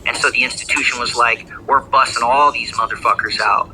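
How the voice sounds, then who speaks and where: Man spinning a long story, slangy and profane, bright edgy voice, faint hiss behind. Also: mid-range voice, fairly even intonation, brisk, poor audio. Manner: profane, slangy, rambling with fillers. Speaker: former gang member telling his story. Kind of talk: casual storytelling.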